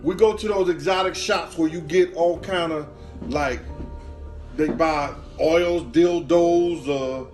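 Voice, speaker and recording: High-voiced man telling a slangy story. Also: takes it slowly, darkish tone, soft background music. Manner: slangy, amused, rambling. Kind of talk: casual storytelling.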